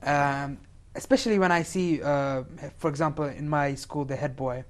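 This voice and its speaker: A man's voice: on the high side, moderate pace. A seventeen-year-old boy from India, speaking as a talk show guest, with frequent fillers. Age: teen. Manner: hesitant, many fillers. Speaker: young guest.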